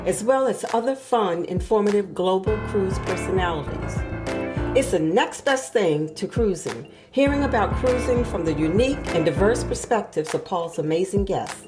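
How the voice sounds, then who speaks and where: A woman reading the show's opening announcement in a smooth promotional tone. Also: medium pitch, animated, moderate pace. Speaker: show announcer. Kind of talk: scripted announcement. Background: music bed.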